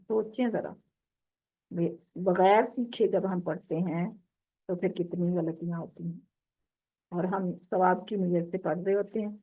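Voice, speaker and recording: A woman teaching a tajweed lesson, explaining common recitation mistakes and slowly drawing out the Arabic words she demonstrates. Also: fairly low pitch, mellow. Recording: tinny phone-like audio.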